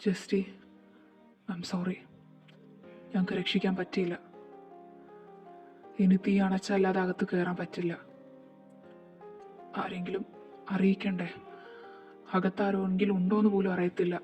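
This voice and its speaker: A woman reading a fan fiction audio drama, voicing every character in a dramatic, halting way. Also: mid-range voice, flat delivery, darkish tone. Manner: dramatic, voices all characters, halting with grief. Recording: dull lo-fi with faint music.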